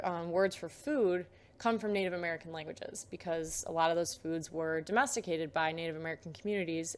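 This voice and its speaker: A woman's voice: on the low side, clean tone. A young woman giving a recorded lecture, explaining terms patiently with frequent filler words.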